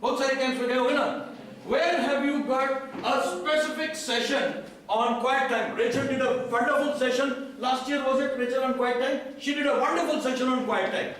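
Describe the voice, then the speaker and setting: A man's voice: very high voice, fairly even intonation, quick pace, a bit bright. A man with an Indian accent, speaking at a conference, quizzing the audience and repeating their answers back. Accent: Indian English. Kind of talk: interactive talk to an audience. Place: conference hall. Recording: echoey hall from a distant mic, faint noise.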